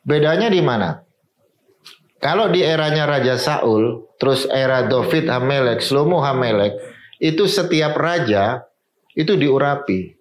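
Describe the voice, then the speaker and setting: A man's voice: mid-range voice, animated, unhurried, echoey room, low-quality recording. A man speaking as a guest in an interview, explaining at length and mixing in Hebrew and English terms.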